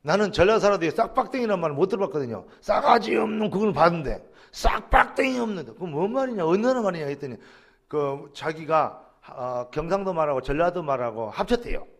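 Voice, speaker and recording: A man pastor preaches with great animation. His voice sits high and swoops widely, acting out quoted lines and rising to shouts. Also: expressive, brisk. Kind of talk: sermon. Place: church sanctuary.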